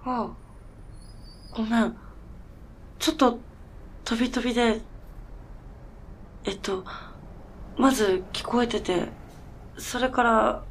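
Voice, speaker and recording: This slightly high female voice belongs to a radio-drama snowmobile mechanic, baffled but determined, who talks in a casual, halting, disbelieving way. She comes across as dazed, and there's a little background noise.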